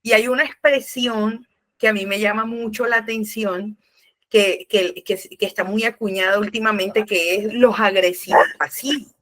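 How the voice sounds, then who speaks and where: A woman's voice: medium pitch, steady tone, normal speed, a bit bright. A middle-aged woman with a Colombian Caribbean coast accent, teaching from scripture in a church talk, conversational and full of restarts. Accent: Colombian Caribbean coast Spanish. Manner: conversational, acts out dialogue, many restarts. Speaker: church speaker.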